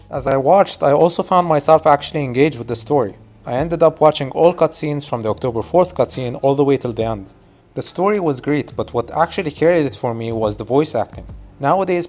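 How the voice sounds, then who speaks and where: A man in his twenties, whose first language is Arabic, narrates a scripted YouTube video essay. His mid-range voice is a little mellow, and his delivery is casual, wry and nostalgic.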